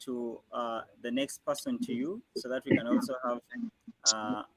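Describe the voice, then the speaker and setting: A man's voice: mid-range voice, steady tone, normal speed, crowd noise, rough recording. A man hosting a live youth call-in, hesitant with many fillers.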